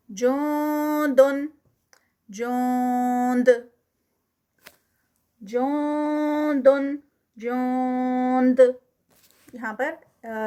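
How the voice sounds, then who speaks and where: Woman teaching slow Quran recitation. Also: a little high. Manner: slow drawn-out model recitation, then quiet quick explanation. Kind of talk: recitation lesson, Urdu with English terms.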